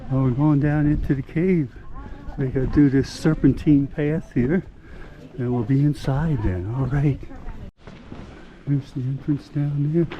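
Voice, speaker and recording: A man's voice: mid-range voice, unhurried, muffled recording. A man chatting casually to camera as a travel vlogger, rambling and offhand. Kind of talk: casual vlog chat.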